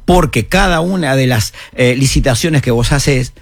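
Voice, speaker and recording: An older man with a Uruguayan Spanish accent, explaining city matters on a radio talk show in an animated, folksy way. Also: medium pitch, moderate pace, vocal fry, no room sound.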